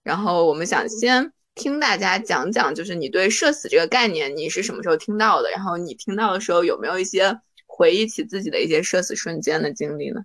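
A woman hosting a podcast, introducing the topic in a measured, steady way. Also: fairly low pitch, no echo, studio quality. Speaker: podcast host. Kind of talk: casual podcast chat.

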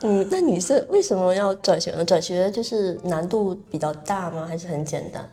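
Mellow low-voiced mainland Chinese woman. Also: expressive, moderate pace, soft background music. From mainland China. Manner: curious, asks many questions, laughs often. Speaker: podcast host. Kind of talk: casual chat.

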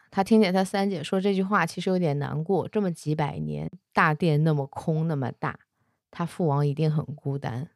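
A woman casually retelling a fantasy romance novel, chatty, with soft particles at the ends of her sentences. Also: on the low side, dry recording, studio quality. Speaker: storyteller.

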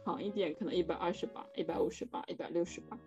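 A woman's voice: lowish voice, fast talker, a little mellow. A young adult woman in casual conversation. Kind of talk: casual chat. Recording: dull lo-fi sound, music behind. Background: music.

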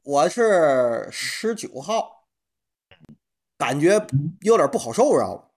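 A man's voice: on the high side, very animated, takes it slowly. A man with a Tianjin accent chatting casually and comically as a podcast co-host, in earthy colloquial speech with some mild swearing. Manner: colloquial, mildly profane.

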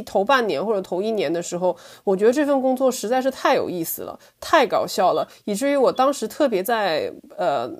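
A woman chatting casually as an interview guest, telling anecdotes in an animated way. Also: a little high. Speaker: podcast guest, language teacher.

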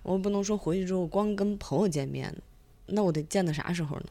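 A woman's voice: fairly low pitch, quick pace, warm tone. A young woman chatting casually and spontaneously as a podcast co-host. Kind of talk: casual improvised chat.

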